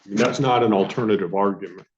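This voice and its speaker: A man serving as an appellate judge, questioning attorneys in careful, measured phrases. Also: on the low side, lo-fi sound, slight background noise. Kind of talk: questioning counsel in court. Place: courtroom.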